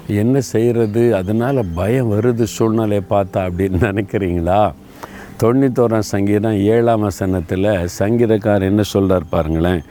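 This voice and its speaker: An earnest male preacher delivers an encouraging sermon, questioning his listeners as he goes. His voice sits low and mellow. A faint hiss of noise runs underneath. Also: normal speed. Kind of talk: devotional sermon.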